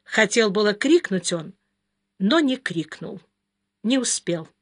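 A woman narrating a novel as an audiobook in a measured, dramatic reading. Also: medium pitch, lively intonation.

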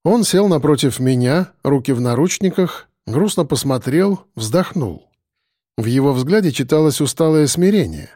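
A man's voice: fairly high pitch, lively intonation, normal speed, mellow, no room sound, clean studio sound. Man narrating a detective audiobook.

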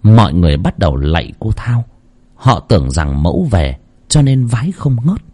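A man narrating a horror story with dramatic, expressive delivery. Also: fairly low pitch, moderate pace, slightly rough.

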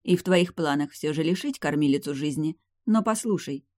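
A man's voice: fairly high pitch, moderate pace, no room sound, clean studio sound, natural voice. A man voicing a smug young vampire noblewoman. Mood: mocking. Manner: teasing, smug. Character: haughty young female vampire noblewoman, mocking.

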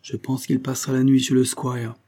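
A man's voice: medium pitch, monotone, moderate pace, mellow, voice pushed up, natural voice. A man voicing a plain-spoken male labourer who speaks in a matter-of-fact way.

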